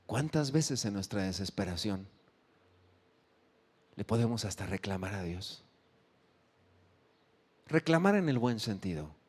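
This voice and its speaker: A man's voice: sing-song, a little slow, long pauses, breathy edge. A man preaching a sermon as pastor, acting out the pleas of the faithful with sudden rises in voice. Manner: emphatic, acts out pleas with sharp rises in pitch and volume.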